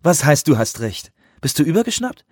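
A man voicing a spirited young woman in a German audiobook reading, teasing and quick. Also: fairly high pitch, sing-song, darkish tone, husky, no room sound, studio quality, voice pushed up. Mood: mocking.

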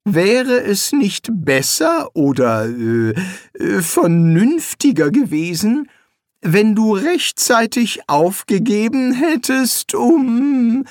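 A man's voice: high voice, huge pitch swings, takes it slowly, no echo, studio quality, voice pushed up, full character voice. A man reading an audiobook, voicing a nervous, cowardly male wizard who is wary and sly. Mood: condescending. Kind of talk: audiobook character voice.

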